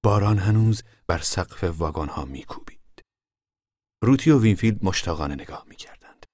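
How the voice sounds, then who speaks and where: A man reading a novel aloud as scripted narration, measured, dropping low and soft in descriptive passages. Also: expressive, dry recording. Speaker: audiobook narrator.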